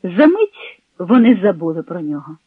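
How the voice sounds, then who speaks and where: A man's voice: sits high, very animated, normal speed, breathy edge, no echo. A man reading a novel aloud expressively and giving each character a voice. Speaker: narrator. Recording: tinny lo-fi radio broadcast.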